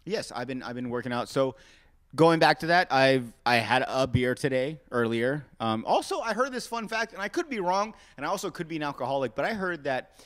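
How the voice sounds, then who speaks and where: Podcast host, man from Arizona, bright tone, lively pitch; rambling and self-mocking. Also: a little fast. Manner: rambling, self-mocking, talks straight to listeners. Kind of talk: casual solo podcast rant.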